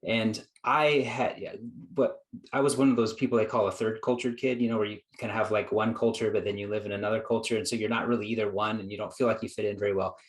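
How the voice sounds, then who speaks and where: An American psychologist and productivity coach tells his story as a guest, speaking quickly in a lowish voice with little pitch movement. His tone is earnest and reflective as he acts out his own past thoughts in conversational storytelling.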